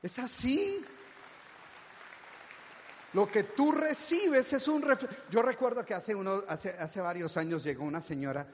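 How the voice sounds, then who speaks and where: High-voiced man giving a motivational talk. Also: a little slow, long pauses, long reverb tail, some chatter behind. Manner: animated storytelling with acted-out quotes. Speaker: motivational speaker.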